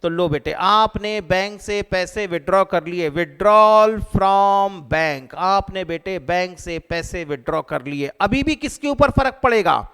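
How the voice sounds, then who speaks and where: A man teaching an accounting lecture to a class, animated and joking as he quizzes his students. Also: high voice, unhurried, hardly any pauses, smooth. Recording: long hall reverb.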